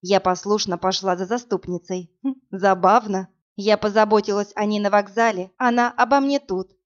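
A woman reading a first-person story aloud as an audiobook narrator, in a lively, expressive way. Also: medium pitch, normal speed, lo-fi sound.

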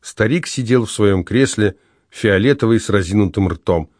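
A man narrating a classic literary story in a measured, expressive reading. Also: fairly low pitch, no echo, clean studio sound. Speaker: audiobook narrator.

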